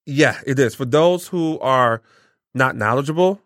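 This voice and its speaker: A man's voice: mid-range voice, a little slow, no room sound, studio quality. A man in his forties, born in Nigeria and raised in Michigan, talking casually as an interview guest with plenty of fillers. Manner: relaxed, many fillers, enthusiastic.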